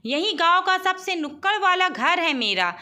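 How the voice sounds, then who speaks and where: Lady doing a greedy young wife who gushes over food, high bright voice. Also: sing-song, normal speed, exaggerated voice. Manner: gushing, pleading.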